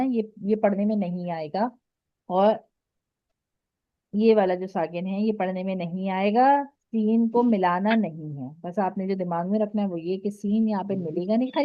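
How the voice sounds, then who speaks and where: A woman with an Urdu accent teaching Quran recitation rules in an online lesson. She explains patiently, keeps checking with "okay", and recites her examples slowly. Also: medium pitch, no room sound. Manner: slow drawn-out recitation of examples. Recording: dry, dull lo-fi audio.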